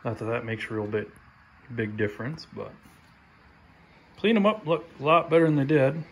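A man giving a relaxed, plain-spoken update while filming his own project in a home garage on a handheld phone. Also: mid-range voice, moderate pace, breathy edge. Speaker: tractor restoration vlogger. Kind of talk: casual workshop update. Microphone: handheld phone camera, filming while talking.

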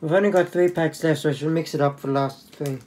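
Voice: mid-range voice, fairly even intonation, fast talker, darkish tone. Casual card-opening host, chatty, joking, hums sound effects, indoors. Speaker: channel host.

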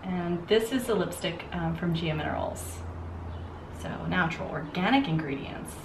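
A woman's voice: lowish voice, expressive, normal speed. Chatty woman makeup artist in an echoey room. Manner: chatty, laughing storyteller giving gentle directions. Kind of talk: casual chat while doing makeup. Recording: echoey room with faint noise.

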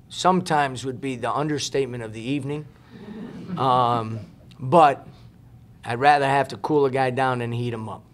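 A man's voice: medium pitch, a little hiss or hum. A man in his forties, a head basketball coach giving earnest, emphatic postgame answers at a press room table mic, often repeating words as he thinks. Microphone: table mic on a stand.

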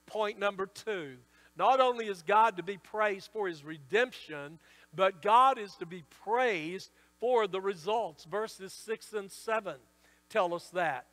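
A man's voice: sits high, a bit bright. A middle-aged man preaching a sermon from a church pulpit, stressing his points and drawing out the ends of key phrases. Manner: emphatic preaching with slowed, stretched phrase endings. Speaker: pastor. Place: church sanctuary. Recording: long church reverb.

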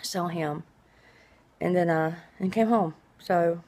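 A middle-aged woman with a low, mellow voice takes her time as she vlogs from a small room at home. Her chat meanders like a diary update, and she draws out her s sounds with a noticeable hiss.

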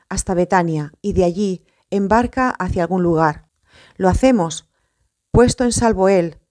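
A woman's voice: mid-range voice, darkish tone, lightly acted. A woman voicing an impulsive, fiery male apostle who talks in a blustering, emphatic way.

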